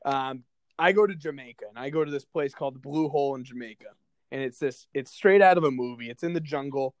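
A man's voice: medium pitch, quick pace, no room sound. A young man co-hosting a podcast, telling a story in a loose, casual way and swearing now and then. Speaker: podcast co-host.

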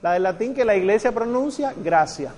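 A man's voice: high voice, expressive, moderate pace, a little mellow. A man teaching a class on church Latin pronunciation, patiently explaining and drawing out the prayer words. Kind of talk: classroom lesson.

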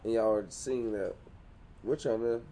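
A man's voice: fairly low pitch, fairly even intonation, unhurried, warm tone, a little hiss or hum. Profane joking man co-hosting a podcast. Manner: profane, joking, breaks into goofy voices. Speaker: podcast co-host. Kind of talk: rowdy casual chat.

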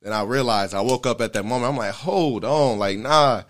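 A man's voice: mid-range voice, moderate pace, a bit bright. A man candidly telling a personal story in a casual interview, earnest and slangy, with loose fillers.

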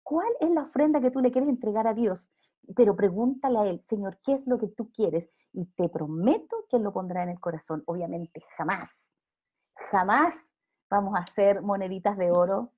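A woman's voice: mid-range voice, brisk, mellow, lo-fi sound. A woman speaking earnestly in a casual faith interview, preaching with emphatic repeated phrases.

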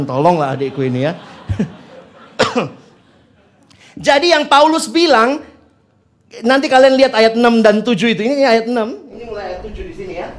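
A man preaching a sermon, teaching from the Bible, asking his listeners questions and dropping in English phrases, moving between loud emphasis and quiet asides. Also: very high-pitched, a little hiss or hum.

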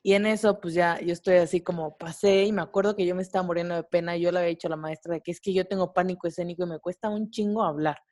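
A woman in her twenties with a Mexican Spanish accent, co-hosting a podcast and telling a personal story in a casual, animated way, full of fillers and slang. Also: fairly low pitch, racing, hardly any pauses. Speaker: podcast co-host.

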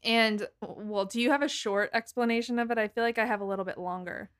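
Talking fast in a fairly high, fairly bright voice, this young American woman from Massachusetts keeps things informal as a podcast co-host. The chat is casual and political, and "like" comes up often.

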